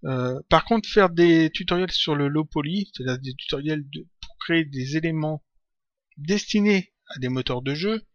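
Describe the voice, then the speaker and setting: A man answering viewer questions in a casual software tutorial, talking hesitantly with many fillers and restarts. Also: fairly high pitch, normal speed, dry recording, highs cut off. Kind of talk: casual screen-recorded Q&A.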